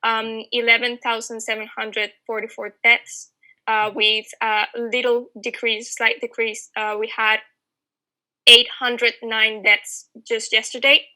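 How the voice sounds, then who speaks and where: A woman's voice: on the high side, unhurried, poor audio. A woman from Spain, a guest on a podcast, speaking casually over a remote call with frequent "um" fillers. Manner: relaxed, with "um" fillers. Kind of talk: casual conversation.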